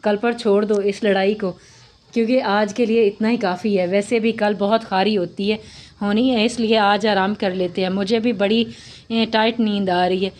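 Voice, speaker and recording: A woman's voice: medium pitch, fairly even intonation, normal speed, darkish tone, close to an everyday voice. A woman voicing a tired, friendly young man in a read-aloud story. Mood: weary.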